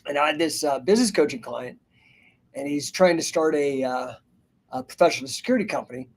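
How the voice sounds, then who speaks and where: A fifty-year-old man hosting a live stream, with a voice that sits a little high for a man. He talks in a chatty, rambling way, reads out viewer names and answers comments. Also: a little fast. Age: 50s. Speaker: host and business coach. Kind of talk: casual livestream talk.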